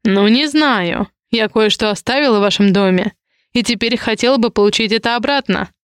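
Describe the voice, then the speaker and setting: A woman's voice: on the high side, brisk, smooth, no room sound, studio quality, lightly acted. A woman voicing a shy but fiery young heroine in a story, with a flustered, breathless manner. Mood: hesitant.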